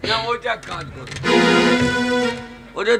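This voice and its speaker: An actor playing a lecherous, scheming older village villain in folk stage theatre, coaxing and repeating himself with comic exaggeration in a gravelly voice. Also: male voice, sits high, expressive, slow pace, full character voice. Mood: pleading, besotted. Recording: loud live music accompaniment.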